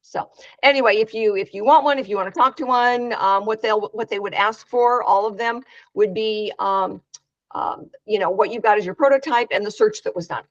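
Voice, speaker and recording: A woman's voice: mid-range voice, normal speed, dry recording. Chatty, frank woman on a video call. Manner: chatty, frank, many fillers and restarts. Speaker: meetup organizer. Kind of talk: casual video-call chat. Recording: dry, dull video-call audio.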